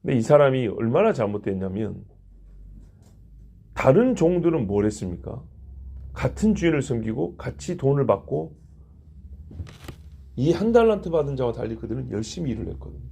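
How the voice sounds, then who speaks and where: A male pastor giving an expository sermon, animated and acting out quotes as dialogue, with a gravelly, husky voice. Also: medium pitch, normal speed, pauses often, slight background noise.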